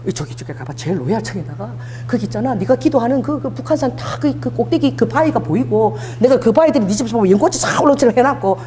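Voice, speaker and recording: A woman preacher voicing God as an indulgent heavenly father, speaking in a hushed, hurried, coaxing way. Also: on the high side, expressive, a little hiss or hum, lightly acted. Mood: hushed eager.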